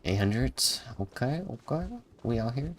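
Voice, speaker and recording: A game streamer gives casual live commentary, muttering reactions to himself and humming or singing snatches as he plays. He speaks at a measured pace in a medium-pitched voice with lively intonation and a dark tone.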